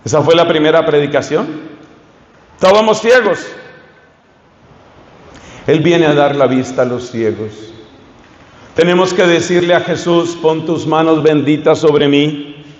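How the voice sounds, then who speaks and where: A man, a priest preaching a fervent sermon that rises to loud calls and leads the crowd in repeated chants. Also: fairly high pitch, unhurried, pauses often. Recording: echoey hall, dull sound.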